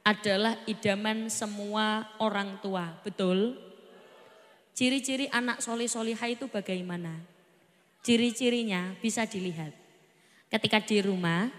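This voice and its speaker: A woman preaching a lively sermon, playfully teasing her audience and acting out children and parents. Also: medium pitch, measured pace, long pauses, in a large hall.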